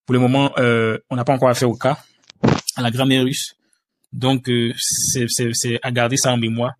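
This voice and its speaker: A man's voice: medium pitch, level tone, normal speed. A man teaching a language lesson over a screen-share tutorial, hesitant, with many fillers and restarts.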